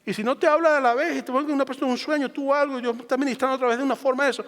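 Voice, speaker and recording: A pastor with a notably high voice preaches an emphatic sermon, stacking phrase upon repeated phrase to drive each point home. His voice rings out with a long reverb tail, as in a large church sanctuary. He shifts between quiet asides and strong, rising emphasis. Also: fairly even intonation, racing.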